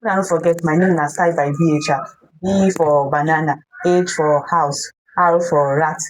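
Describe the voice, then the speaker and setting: A woman's voice: deep voice, fairly even intonation, moderate pace, slight background noise, low-quality recording. A woman with a West African accent giving a hands-on tutorial in Pidgin English, repeating phrases and checking that viewers follow. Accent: West African, speaking Pidgin English. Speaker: sewing tutorial host.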